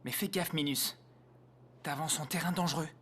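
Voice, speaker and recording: A man's voice: a little high, moderate pace, fairly bright tone, natural voice. A young man playing a bossy, threatening teenage big brother in a French-dubbed film with faint noise behind. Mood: menacing.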